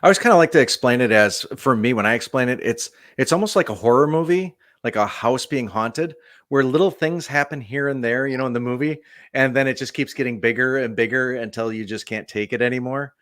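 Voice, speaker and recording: A man's voice: medium pitch, brisk, a bit bright, no echo, clean studio sound. A man co-hosting an interview, asking and reflecting in a thoughtful, hesitant way. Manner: thoughtful, hesitant, searching for words. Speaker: podcast co-host.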